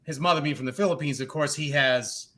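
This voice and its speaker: A man with a heavy Boston accent, hosting a podcast from his bedroom and trading jokes in quick banter. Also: fairly high pitch, bright, forceful tone. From suburbs of Boston, United States. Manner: fast, joking banter. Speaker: podcast host. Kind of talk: casual chat.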